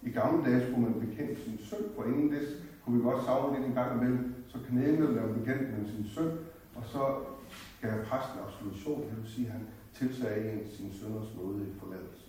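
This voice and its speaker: A man's voice: medium pitch, mellow, distant mic. Older man, echoing from afar in a church. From West Jutland, Denmark. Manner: earnest, heartfelt, meandering with restarts. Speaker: lay speaker at a church gathering. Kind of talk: personal faith talk.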